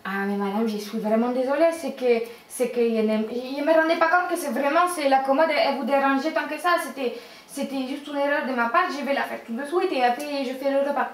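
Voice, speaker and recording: A stammering Spanish housemaid pleads and apologizes, tripping over her words, as a woman puts her on. The voice climbs high and strained, heard from far off in an echoing room. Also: quick pace, lightly acted. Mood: flustered apologetic. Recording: roomy echo, far from the mic.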